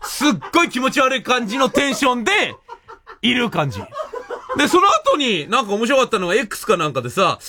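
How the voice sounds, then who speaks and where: A man telling a comic anecdote in an animated way, laughing as he goes and acting out what people said. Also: very high voice, a little fast, crowd noise. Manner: animated, laughs while telling, acts out quoted voices. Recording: noisy recording.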